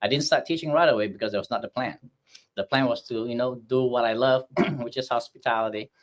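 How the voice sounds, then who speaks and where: Speaking fast at a medium pitch, a middle-aged hospitality school dean from Malaysia recounts his career in a storytelling interview answer. He keeps it chatty and pokes fun at himself, performing the quoted voices.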